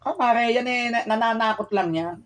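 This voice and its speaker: A woman's voice: fairly high pitch, moderate pace. A woman shopkeeper in casual chat, venting aggrieved complaints to a friend.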